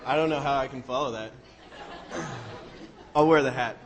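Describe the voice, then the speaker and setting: A man reading out findings hesitantly, with many ums and frequent throat clearing. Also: medium pitch, normal speed, big-room sound. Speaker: medical student presenter. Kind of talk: class case presentation.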